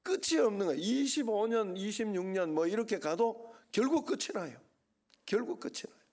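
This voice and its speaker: A man's voice: high-pitched, expressive, moderate pace, darkish tone. A middle-aged male pastor with a Gyeongsang accent, preaching a Sunday sermon in a conversational way, full of rhetorical questions and asides. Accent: Gyeongsang Korean.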